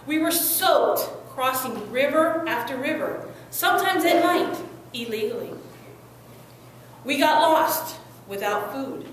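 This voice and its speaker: A young woman student performer plays an anguished, resolute migrant mother in a staged dramatic monologue, her high voice swinging expressively with slow, deliberate phrasing and dramatic pauses. Animated, earnest and emotive in a grim, fearful mood, she is heard from a distant mic in a very echoey room with faint noise.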